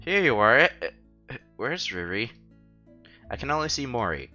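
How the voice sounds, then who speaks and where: A man with a mid-range voice and wide swings in pitch narrates a visual novel for his stream at an ordinary speed, tossing in casual comments as he goes. He sounds bright, forceful, and playful. Background music plays, and the recording has a somewhat muffled, lo-fi quality.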